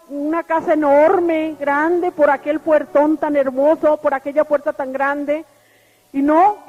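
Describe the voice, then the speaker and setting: A woman giving a spoken personal testimony, earnest and halting, with frequent restarts and repeated words. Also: high voice, darkish tone. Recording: muffled recording with faint background music.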